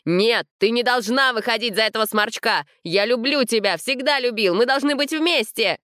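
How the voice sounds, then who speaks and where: A woman voicing a hot-headed young male knight who shouts impassioned declarations. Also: on the high side, moderate pace, no echo, studio quality, pitched above the performer's own voice.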